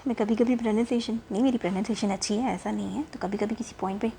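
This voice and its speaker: A woman teacher, explaining a lesson in a casual way. She reads passages slowly and keeps checking with her listeners. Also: medium pitch, steady tone, vocal fry, mellow, a little hiss or hum. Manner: mixes English textbook reading with chatty explanation, often asking "ठीक है?".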